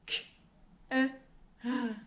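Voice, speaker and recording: A woman's voice: fairly bright tone, faint music behind. A woman teacher using a half robot voice, sounding out words one clipped sound at a time for children. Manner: slow, clipped, evenly spaced sounds. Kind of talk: phonics lesson for young children.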